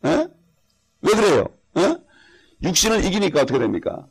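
A man's voice: sits high, wildly swooping pitch, normal speed, breathy edge. A male pastor preaching a sermon, emphatic and rhetorical, often calling on the congregation for assent. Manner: emphatic, rhetorical, frequent interjections asking for assent.

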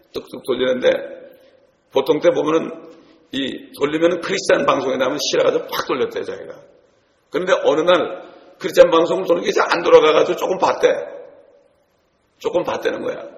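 A man's voice: mid-range voice, gravelly, reverberant, big-room sound. A man preaching a sermon to his congregation, telling stories and speaking to them directly. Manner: storytelling, addresses congregation directly. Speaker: pastor.

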